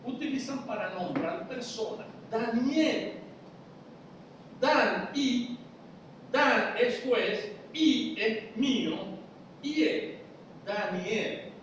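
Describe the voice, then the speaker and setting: A man's voice: extremely high pitch, far from the mic, a little hiss or hum. A man preaching a Bible study in church, explaining step by step and checking whether the audience follows. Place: church hall. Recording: echoey church hall, voice from afar.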